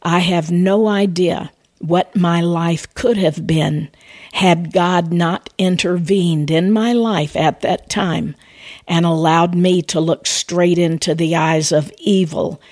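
A middle-aged woman speaks in an earnest preaching cadence, sharing her testimony and calling listeners to faith. Her voice sits a little low for a woman. The sound is dry and close, with no room around it. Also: steady tone, slow pace, darkish tone, no room sound. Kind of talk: evangelistic testimony and appeal.

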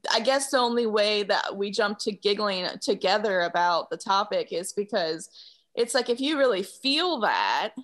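A woman's voice: mid-range voice, expressive, normal speed, fairly bright tone. A woman talking casually as an interviewer, earnest and emphatic, in long wordy runs peppered with "like". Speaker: interviewer leading the conversation. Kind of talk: casual conversation.

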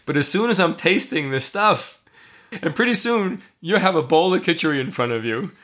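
A man's voice: lively intonation, normal speed, fairly bright tone. A man co-hosting a relationship podcast in casual conversation, laughing often and acting out quoted lines. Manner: laughs often, acts out voices with big pitch jumps. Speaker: podcast co-host.

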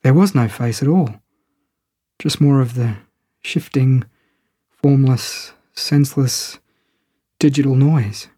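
A man's voice: mid-range voice, slow pace, long pauses, mellow, husky, no room sound, studio quality. A man narrating a first-person audio story in a wry, conversational way.

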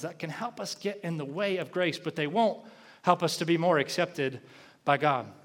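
Male pastor, sermon delivery, fairly high voice, animated with soft drops. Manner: animated, rising for emphasis then dropping soft.

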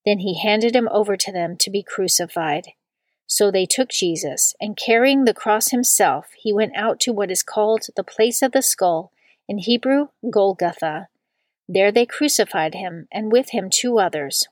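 Female scripture reader, mid pitch, measured and deliberate, dry booth sound. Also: no echo. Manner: slow and deliberate on quoted words. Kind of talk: measured liturgical reading.

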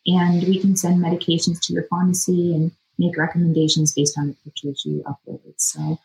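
A middle-aged woman with a low-pitched voice talks as a medical expert in an interview. Her explanations are casual and conversational, in plain everyday words. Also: little pitch movement, normal speed, gravelly, warm tone, rough recording. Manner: informal, plain-worded, frequent "you know" and "like". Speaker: dermatologist podcast guest.

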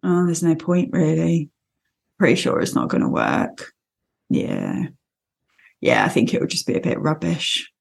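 A woman voicing a gloomy, dejected male donkey who always expects things to fail, in a slow, sagging drawl. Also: low voice, wildly swooping pitch, vocal fry, breathy edge, voice pushed down, heavily acted. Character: gloomy old male donkey, dejected, sees only downsides.

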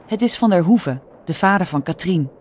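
A woman with a Dutch accent reading a children's story aloud in a calm, clear storytelling manner. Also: fairly low pitch, a little fast. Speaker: narrator. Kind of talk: scripted storybook narration.

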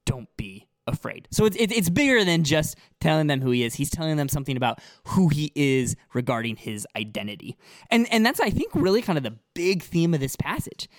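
A man's voice: a little high, very animated, brisk, dry recording. Guy walking through a bible passage, earnest, kinda repeats himself, dry sound. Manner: explanatory, earnest, repeats words while thinking. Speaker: Bible study podcast co-host. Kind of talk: casual teaching discussion.

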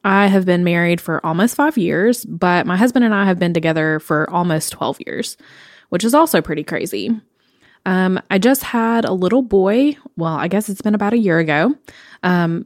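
This Knoxville, Tennessee woman, in her late 20s, keeps the podcast chat chatty and upbeat, dropping frequent ums as co-host. Her voice sits lowish, and the recording is dry and studio quality.

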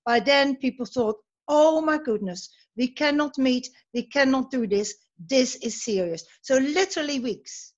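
Older woman, lively and high old voice, interviewee on a slightly muffled online call. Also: measured pace, hardly any pauses. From Netherlands. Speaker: exercise group member being interviewed. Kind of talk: interview over a video call. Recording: dull muffled call audio.

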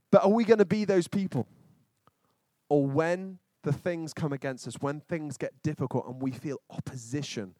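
Male pastor, slightly high voice, animated sermon storytelling, dry close sound. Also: no room sound. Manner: animated storytelling with rising emphasis.

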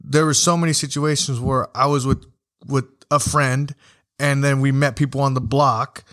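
A man hosting a podcast in casual chat, talking haltingly with many restarts. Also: medium pitch, flat delivery, fairly bright tone. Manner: halting, full of restarts and fillers. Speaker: podcast host.

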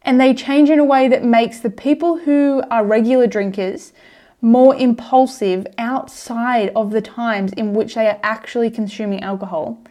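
Chatty higher-voiced woman host. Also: fairly even intonation, moderate pace, warm tone. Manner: chatty, explains with asides and laughs. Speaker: podcast host. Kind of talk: casual educational monologue.

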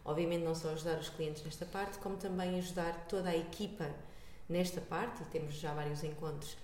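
A woman's voice: low voice, steady tone, brisk, a little mellow. European Portuguese woman in a reverberant, noisy room. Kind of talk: casual conversation. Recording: echoey, reverberant room with noise.

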